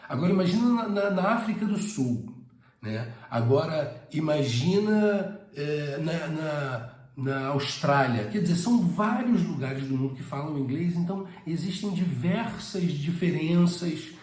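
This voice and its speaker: An English teacher from Brazil with a Rio de Janeiro Portuguese accent gives a casual spoken lesson in an echoey room. His voice is fairly high, animated, unhurried and darkish, and he often hesitates and repeats words.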